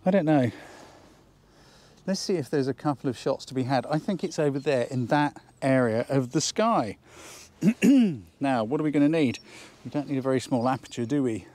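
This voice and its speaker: Fast and with few pauses, a photography tutor talks in a medium-pitched, slightly mellow voice. He's outdoors on a countryside hillside for an instructional vlog, giving an upbeat, chatty lesson and thinking aloud while working.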